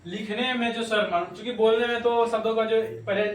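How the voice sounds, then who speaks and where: In a classroom, a man with a high-pitched voice and little pitch movement teaches grammar step by step, checking in with students by repeating "ठीक ना" and laughing at himself now and then. The recording has an echoey room, a distant mic, and faint noise.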